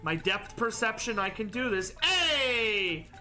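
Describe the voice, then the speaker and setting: A man's voice: sits high, big pitch swings, slow pace, pushed and bright. Rambling young man doing gameplay commentary. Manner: rambling, jokey, full of likes and restarts. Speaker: gaming commentator. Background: game music.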